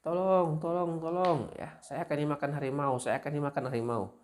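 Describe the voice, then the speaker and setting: A man voicing a panicked male farmer in a spoken story who shouts shrill, repeated cries for help. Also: a little slow.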